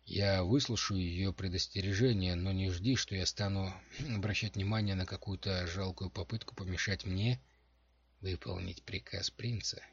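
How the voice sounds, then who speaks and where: A man's voice: low-pitched, steady tone, moderate pace, slightly rough. A man as a blunt woman general. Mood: defiant. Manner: blunt, curt. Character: blunt female soldier general, stubborn. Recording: dull lo-fi recording.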